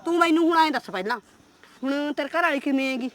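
Lady doing a gossipy old village auntie, high-pitched and fast, bit of background noise. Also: natural voice. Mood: chatty. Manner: chatty, blunt. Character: gossipy village aunt, elderly woman, blunt. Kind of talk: village comedy drama.

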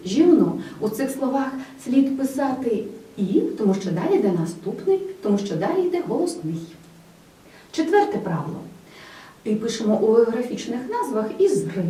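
Woman teacher, slightly high, animated lesson delivery, addresses the pupil directly; recorded from a distance in an echoey room. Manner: addresses the pupil directly, lists example words one by one. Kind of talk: school grammar lesson.

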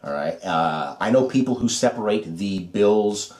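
Deep-voiced man giving folksy money advice. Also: expressive, measured pace, darkish tone, reverberant. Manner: folksy, advice-giving, repeats himself with restarts. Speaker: podcast co-host. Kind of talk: casual chat.

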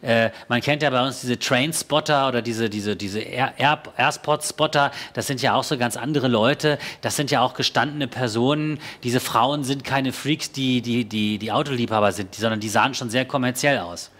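A man's voice: mid-range voice, moderate pace, few pauses, fairly bright tone. Male host of a studio discussion show, informal and probing.

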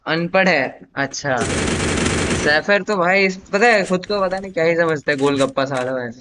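A young man doing live gameplay commentary in a slightly raised voice, teasing his teammates and tossing in English slang. Steady gunshots and machine-gun fire from the game ring out clearly beneath him. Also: fairly high pitch, a little slow, background noise. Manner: joking, teasing banter with teammates, mixing in English phrases. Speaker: livestreaming gamer. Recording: game gunfire loud under voice.

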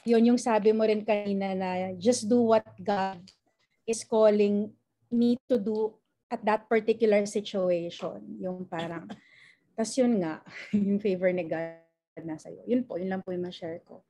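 A woman with a Filipino accent shares a brief personal story over a video call. Her tone is warm and mellow, and she speaks softly, letting her phrases fade out. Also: medium pitch, measured pace. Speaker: participant. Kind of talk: casual testimony sharing.

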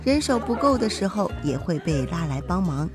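A woman's voice: fairly low pitch, sing-song, moderate pace. A woman presenting a documentary, narrating and casually interviewing people. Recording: loud music and crowd noise behind.

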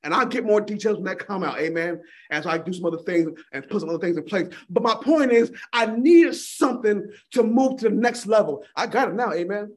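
Casting high-pitched male preacher, fervent sermon delivery, calls the crowd honey. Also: animated, a little fast. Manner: fervent, repeating "my God in heaven" and calling listeners "honey".

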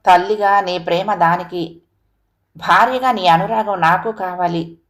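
A woman's voice: fairly low pitch, measured pace, close to an everyday voice. A woman voicing a feverish, hurt husband who pleads earnestly with his wife. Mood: pleading.

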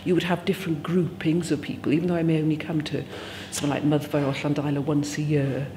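A woman's voice: sits low, flat delivery, fast talker, big-room sound, noisy background. A woman in her sixties speaking reflectively and articulately in an interview. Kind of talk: casual interview.

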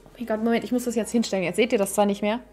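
Young woman streamer, high voice, giddy and overwhelmed, desk mic. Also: steady tone, very fast, warm tone, soft background music. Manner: overwhelmed and giddy, squealing and laughing often. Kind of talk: excited livestream unboxing chat. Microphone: desk microphone.

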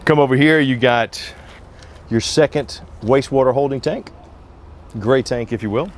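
A man in his forties shows off an RV on an outdoor sales lot, giving a walkaround product review into a lapel mic. His mid-range voice moves at a moderate pace with a little hiss or hum in the background, and he keeps up a casual, upbeat salesman's patter.

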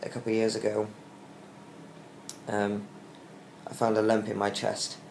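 A young British man speaks in a low, creaky voice, weak and worn out after surgery. His casual video diary comes out halting and subdued, on short breaths. The room around him sounds echoey. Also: monotone, darkish tone. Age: young adult. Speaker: vlogger giving a recovery update. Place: small hospital room, lying in bed. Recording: roomy echo with faint background hiss.

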